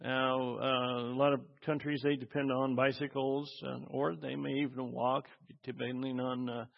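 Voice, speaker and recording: A male pastor preaching a conversational sermon, asking the congregation questions and often pausing with fillers. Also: medium pitch, level tone, creaky. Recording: dull audio with long hall reverb.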